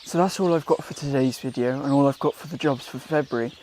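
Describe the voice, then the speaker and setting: A man's voice: medium pitch, fast talker, a little hiss or hum. Welsh-raised man chatting casually in a garden. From Wales. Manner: relaxed, chatty, with frequent ums and self-corrections. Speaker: gardening vlogger. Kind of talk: casual how-to vlog. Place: outdoors in a garden.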